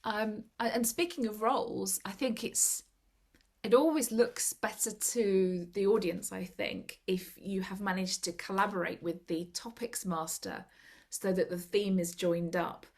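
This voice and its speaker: A woman's voice: medium pitch, fairly even intonation, a little slow. A woman sharing tips in a casual chat over a laptop video call, laughing often and acting out little quotes. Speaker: club member giving tips.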